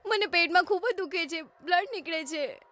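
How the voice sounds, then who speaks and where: A woman's voice: extremely high pitch, normal speed, fairly bright tone. A terrified, tearful schoolgirl. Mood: frightened. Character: frightened young schoolgirl, crying.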